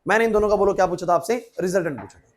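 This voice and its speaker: A man teaches physics to a class in a quick, high voice. He fires questions at students, calls them by name and keeps urging them to focus. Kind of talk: classroom lecture.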